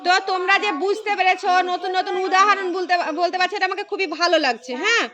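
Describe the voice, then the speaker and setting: A woman teaching a primary school class. She calls on pupils by name, repeats key phrases slowly and praises their answers. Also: very high-pitched, fairly even intonation, sharp tone. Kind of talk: classroom lesson.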